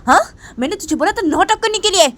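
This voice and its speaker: An angry young man scolds loudly, his voice climbing higher and shriller, as a woman storyteller puts him on. He sounds exasperated. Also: expressive, fast. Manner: scolding, rising loud and shrill. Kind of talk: storybook narration acting.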